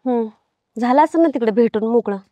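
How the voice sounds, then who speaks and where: Actress as a fast-talking, high-voiced village wife, nagging and accusing, dry close sound. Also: female voice, warm tone, no echo, natural voice. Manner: reproachful, nagging questions. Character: hurt, accusing village wife in her prime. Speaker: suspicious wife. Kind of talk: comedy film acting.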